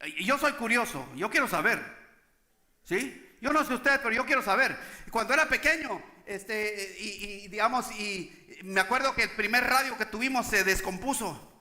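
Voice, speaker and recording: A man's voice: high voice, expressive, normal speed, pushed and bright, roomy sound. A man preaching a sermon as pastor, speaking emphatically and often checking in with the congregation.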